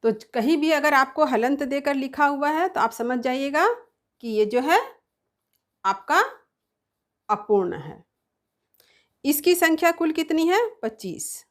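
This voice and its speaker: A woman's voice: sits high, animated, unhurried, long pauses. A woman teaching a grammar lesson, explaining step by step, sounding out letters one at a time and answering her own questions.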